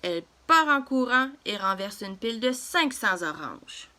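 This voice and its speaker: A woman reading a children's story aloud in a gentle, expressive way. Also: on the high side, unhurried.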